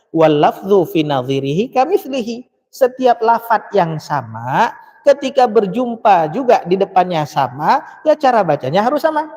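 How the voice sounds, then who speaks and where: A man teaching Quran recitation at a dawn mosque lesson, chanting verses slowly and then explaining pronunciation briskly, repeating syllables as demonstrations. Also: sits high, a little mellow. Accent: Indonesian. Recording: long mosque reverb.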